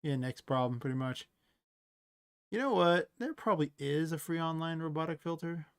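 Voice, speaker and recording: A man with a gravelly edge talks to himself while he works, rambling and trailing off. He sounds tired from a long night of building a game. The sound is close and dry. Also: a little high, moderate pace, no echo. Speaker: indie game developer streaming his work. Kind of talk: thinking aloud while working.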